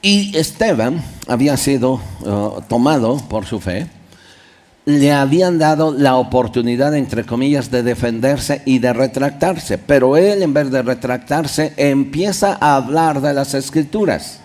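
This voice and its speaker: A male pastor preaching a sermon in a church, reading Bible verses aloud and explaining them, with sudden loud rises and soft drops. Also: medium pitch, animated, unhurried.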